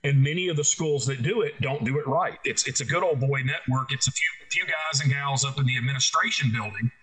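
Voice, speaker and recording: A man's voice: medium pitch, a little fast, a bit bright, poor audio. A man with an Arkansas Southern accent explaining things informally as an expert guest, plain-spoken and emphatic, repeating key phrases for stress. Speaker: guest expert, trainer who speaks to schools and police.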